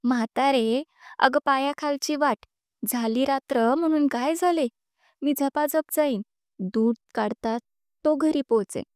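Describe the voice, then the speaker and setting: A man's voice: very high-pitched, unhurried, no echo, studio quality. A woman narrator voicing a stubborn male landlord who brushes off warnings with confidence. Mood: dismissive. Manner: dismissive, confident. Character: stubborn, fearless village landlord.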